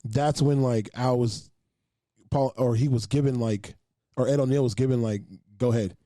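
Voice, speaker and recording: A young man co-hosting a casual podcast, telling stories with lots of swearing and quick asides. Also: mid-range voice, dry recording, clean studio sound. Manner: animated storyteller, swears freely. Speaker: podcast co-host. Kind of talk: casual chat.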